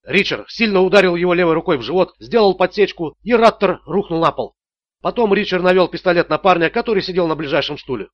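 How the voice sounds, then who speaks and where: A man narrating a thriller audiobook in a steady, measured way. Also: high voice, no room sound, lo-fi sound.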